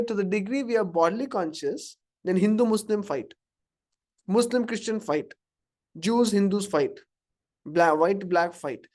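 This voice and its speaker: A man's voice: high voice, darkish tone. Indian-accented male teacher, chatty lecture to a small live audience. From Karnataka, India. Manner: conversational, asks the audience questions, chuckles at own examples. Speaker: spiritual teacher. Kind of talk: informal scripture class talk.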